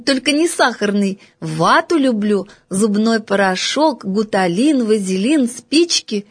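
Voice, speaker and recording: A woman voicing a tiny, timid creature girl with a thin, high little voice in a storybook reading. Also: lively intonation, measured pace, husky. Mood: coy. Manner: plain, shy, short answers.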